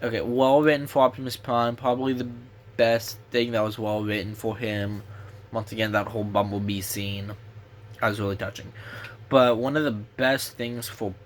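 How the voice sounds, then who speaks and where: A man's voice: fairly low pitch, little pitch movement, normal speed, a little hiss or hum. Rambling young man with a sore throat. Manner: rambling, restarts often, swears casually. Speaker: movie reviewer. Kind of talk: casual solo movie review.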